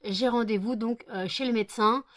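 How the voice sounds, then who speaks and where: A woman's voice: fairly high pitch, normal speed, fairly bright tone, no echo. A woman vlogging casually, chatty and full of hesitations, who sounds tired. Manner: chatty, many hesitations, scolding pets affectionately. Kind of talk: casual vlog chat.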